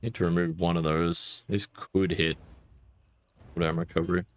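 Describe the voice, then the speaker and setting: A man's voice: low-pitched, normal speed, no echo. A man ranting casually and profanely while streaming a game. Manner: profane, animated ranting with rising outbursts. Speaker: gaming streamer.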